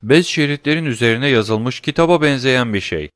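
A man voicing a humble, eager male prison doorkeeper in a storybook reading, speaking in a deferential, excited way. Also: mid-range voice, moderate pace, no echo, studio quality, close to an everyday voice.

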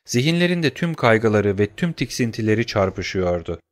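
A man narrating an audiobook in a steady, measured reading voice on a close mic. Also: fairly low pitch. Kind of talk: scripted narration.

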